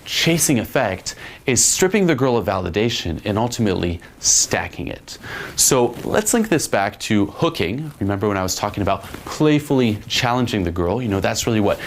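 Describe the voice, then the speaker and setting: A man's voice: fairly low pitch, big pitch swings, normal speed, slight background noise. A man giving a casual, blunt dating lesson, swearing freely as he explains. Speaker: dating coach. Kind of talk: instructional monologue.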